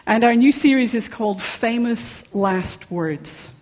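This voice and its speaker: A woman's voice: fairly high pitch, unhurried, darkish tone. Scottish woman preaching in a reverberant hall. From Scotland. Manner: conversational and personal, with frequent ums. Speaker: pastor. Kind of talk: sermon. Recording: long reverb of a large hall.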